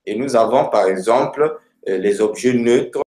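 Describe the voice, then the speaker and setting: Man, teacher, explaining grammar, slow, hesitant, middle pitch, echoey room. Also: a little mellow. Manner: slow, hesitant, many fillers. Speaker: Romanian language teacher.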